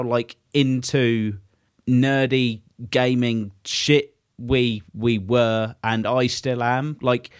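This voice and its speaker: A man in his mid twenties chatting casually on a podcast, rambling and animated, swearing freely. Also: mid-range voice, no echo, clean studio sound. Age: 20s. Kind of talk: casual chat.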